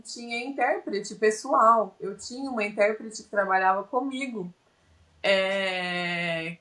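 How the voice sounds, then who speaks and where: A woman with a Brazilian Portuguese accent and a mid-range, slightly bright voice guests on a podcast. She tells her experiences in a detailed, explanatory way, casual interview storytelling.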